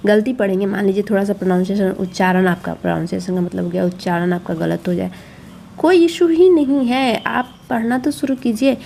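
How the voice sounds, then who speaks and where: Reassuring woman guiding parents, mellow voice. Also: medium pitch, fast, gravelly, few pauses, slight background noise. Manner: coaxing, reassuring, repeats herself often. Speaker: channel host explaining a schoolbook to parents. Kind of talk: explaining a schoolbook to parents.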